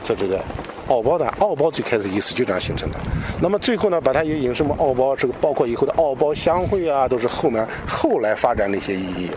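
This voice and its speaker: A man gives an unscripted explanation as a local expert, halting and circling back over his phrases. His mid-pitched voice moves in lively swings. It is recorded outdoors with clear background noise. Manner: halting, repeats phrases, frequent filler particles. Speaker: local culture expert and guide. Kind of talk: unscripted explanatory talk to an interviewer. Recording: noisy outdoor location recording.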